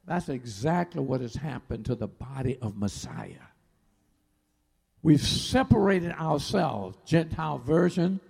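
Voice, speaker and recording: Man preaching, gravelly voice with lots of rise and fall, echoey hall. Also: high-pitched, a little mellow. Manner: rhetorical questions, emphatic. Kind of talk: sermon. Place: large worship hall.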